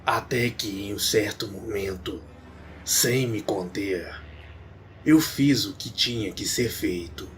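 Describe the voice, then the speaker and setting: A man narrating a horror tale in a slow, grave, suspenseful manner. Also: lowish voice, a bit bright, a little hiss or hum. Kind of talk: dramatic storytelling.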